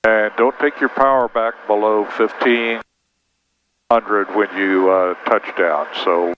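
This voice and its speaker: A man with a fairly low voice gives flight instruction over a cockpit headset. He is directive and repeats key points. The intercom is dull and has clear engine noise behind it. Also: fairly even intonation, slow pace. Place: inside a small plane in flight. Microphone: aviation headset. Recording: noisy band-limited cockpit headset intercom.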